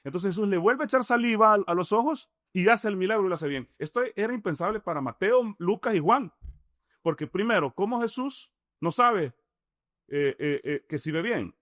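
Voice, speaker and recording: A man with a Salvadoran accent explains his points step by step as an interview guest, often checking in with a quick "mm?" and posing rhetorical questions. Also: sits high, lively intonation, fairly bright tone, dry recording, studio quality. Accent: Salvadoran Spanish. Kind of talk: conversational explanation.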